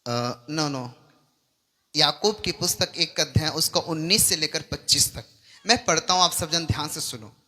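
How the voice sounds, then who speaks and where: A male pastor with a high, very bright, forceful voice. He preaches with emphasis and keeps checking whether his listeners follow him. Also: moderate pace. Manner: emphatic, repeatedly asks the congregation if they understand. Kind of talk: sermon.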